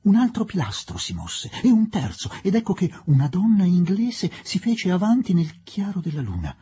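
Expressive male audiobook narrator. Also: high voice, normal speed, slightly rough. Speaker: audiobook reader. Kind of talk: scripted narration.

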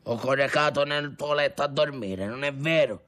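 Male reader doing an old fisherman grandfather: gruff, commanding, shouting over the storm. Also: medium pitch, normal speed, soft background music, lightly acted. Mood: weary.

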